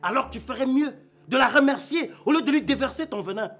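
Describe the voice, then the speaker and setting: A stern Cameroonian husband. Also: male voice, very high voice, expressive, brisk, music in the background. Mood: scolding. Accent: Cameroonian French. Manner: firm, scolding, commanding. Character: stern middle-aged husband, head of the house. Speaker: husband defending his wife.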